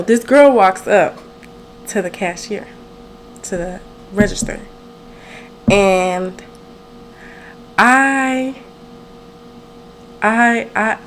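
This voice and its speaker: A woman's voice: on the high side, a little hiss or hum, low-quality recording. A nineteen-year-old woman telling a story on her own podcast, chatty and rambling, often correcting herself mid-sentence. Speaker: podcast host. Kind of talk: casual storytelling.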